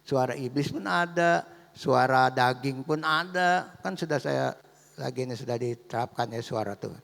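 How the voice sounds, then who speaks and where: A male pastor preaching a sermon, telling a story to his congregation and calling them by a warm form of address. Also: medium pitch, normal speed, vocal fry. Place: church sanctuary. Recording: echoey church hall.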